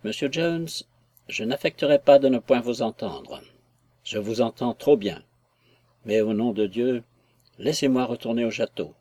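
Man narrating a gentle young lady, soft-spoken, hesitant, mid-pitched, dry. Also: measured pace, no room sound, close to an everyday voice. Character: young gentlewoman, shy and tender.

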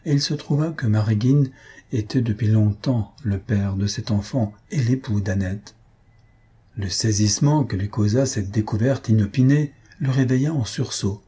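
A man narrating an audiobook in a measured, even storytelling manner. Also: fairly low pitch, breathy edge.

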